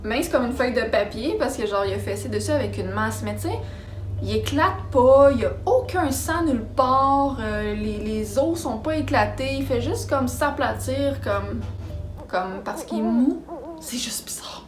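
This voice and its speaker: Animated Québécois woman telling a story. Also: a little high, a little slow. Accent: Québécois French. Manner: animated, dramatic, acts out sounds and quotes. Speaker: vlogger. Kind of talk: casual storytelling. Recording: roomy echo with background music.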